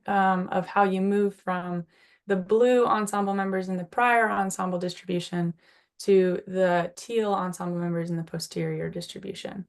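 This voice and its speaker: A woman with a gritty, slightly hoarse voice that is partly giving out, giving an informal, explanatory scientific presentation. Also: mid-range voice. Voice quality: gravelly, gritty voice. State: slightly hoarse, losing her voice. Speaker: invited speaker, climate researcher.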